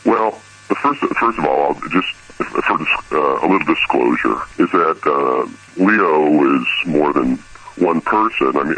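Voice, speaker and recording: A man as a radio interview guest, his voice electronically disguised and lowered, speaking hesitantly with stammering restarts. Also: sharp tone, husky, poor audio.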